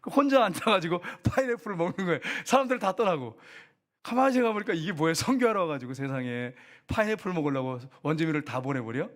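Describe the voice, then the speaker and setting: A male pastor preaching in a lively storytelling way, voice pitched a little high and swinging widely up and down. He acts out the people in his story and keeps questioning the congregation. His voice jumps up sharply when he retells someone's anger. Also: fast talker. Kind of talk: storytelling sermon. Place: church sanctuary.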